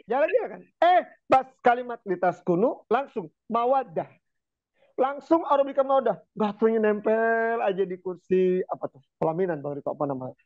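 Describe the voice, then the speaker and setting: A man preaching in a relaxed, chatty way, telling stories with lively turns and chanting verses slowly. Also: high-pitched, no echo. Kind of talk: casual religious talk. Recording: tinny phone-like sound.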